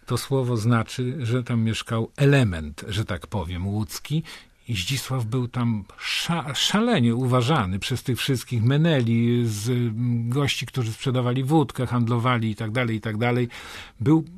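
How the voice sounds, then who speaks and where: Measured older man, dry close sound. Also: mid-range voice, dry recording. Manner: slow, measured reading with hesitant fillers in talk. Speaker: guest reminiscing about a poet friend. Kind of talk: recalling anecdotes and reading poetry aloud.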